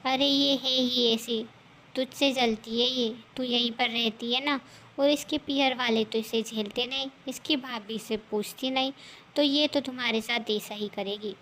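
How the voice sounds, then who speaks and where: A woman's voice: a little high, steady tone, measured pace, fairly bright tone, slight background noise. A woman voicing a bossy, scolding older mother-in-law in a cartoon story. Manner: scolding, taunting.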